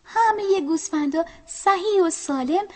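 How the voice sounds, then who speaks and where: A woman telling a children's story, speaking to the children and often dropping to a soft whisper. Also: extremely high pitch.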